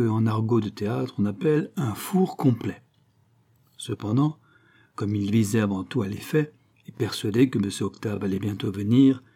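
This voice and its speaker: A man narrating a novel in measured audiobook style. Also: fairly low pitch, dark tone, breathy edge.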